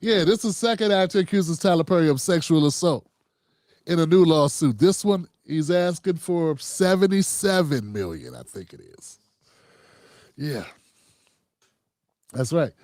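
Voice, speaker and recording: A man's voice: fairly high pitch, lively intonation, measured pace, long pauses, a little mellow, no echo, studio quality. A man hosting his own commentary show, talking loosely and profanely, rambling and calling his viewers "fam". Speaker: host. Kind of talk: casual political commentary monologue.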